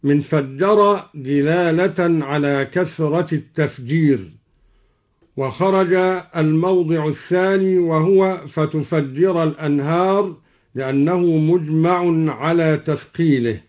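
A high-pitched man teaches sacred recitation in an unhurried, measured voice. He stops to chant each example slowly and draws it out. The sound is dull and lo-fi. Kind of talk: explaining reading variants with slow chanted examples.

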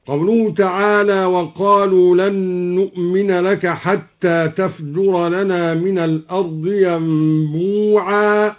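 A man teaching Quran reading variants, explaining each one in a measured way and then chanting the example slowly. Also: high voice, fairly even intonation, muffled recording.

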